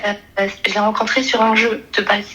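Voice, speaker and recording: A woman in her twenties calls in for advice and shares a personal story in casual conversation, hesitating and searching for her words. Her mid-range voice is pushed and bright, with a flat delivery and a moderate pace.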